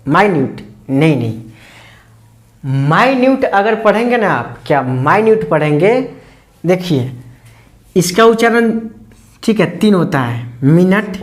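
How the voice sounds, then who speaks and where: Teacher walking thru a lesson, keeps asking "ok?" and answering it, slow and repetitive, middle pitch. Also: very animated. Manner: quizzing tone, constantly asks "ठीक है ना?" and answers own questions; slow, repetitive step-by-step explanation. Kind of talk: explaining English lesson to students.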